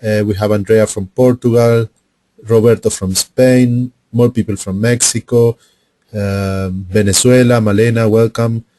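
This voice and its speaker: Brief: man, webinar host, low voice, dry close sound, halting delivery with fillers. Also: fairly even intonation, dark tone, no room sound. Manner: halting, with fillers and repeated starts. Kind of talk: introducing and moderating a webinar. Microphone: computer mic on an online call.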